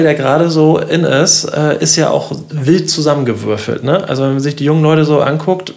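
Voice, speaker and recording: A man's voice: on the high side, gravelly. A man hosting a casual talk show, chatty and playful, quizzing his guests with many fillers. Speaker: podcast host. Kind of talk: casual interview chat.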